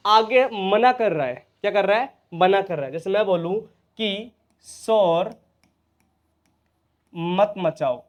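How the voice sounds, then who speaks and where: Male teacher, Hindi accent, high-ish voice, drills students with repeated questions. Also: expressive, brisk, few pauses, muffled recording. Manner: repeats questions to students and answers them himself. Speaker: English teacher. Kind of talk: spoken English lesson in Hindi.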